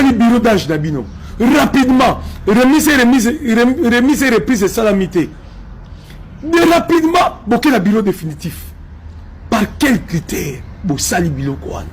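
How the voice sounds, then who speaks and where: A Congolese man with a Congolese French accent delivers impassioned political commentary, emphatic and repetitive, slipping Lingala phrases in. His voice is extremely high-pitched.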